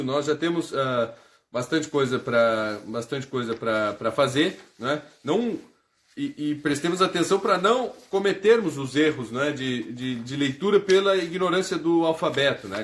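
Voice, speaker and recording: A Brazilian man lectures on the Greek language without a script. His voice sits at an ordinary mid pitch. He restarts his phrases often and leans on fillers and tag questions. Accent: Brazilian Portuguese. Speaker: Greek teacher. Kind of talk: unscripted lecture.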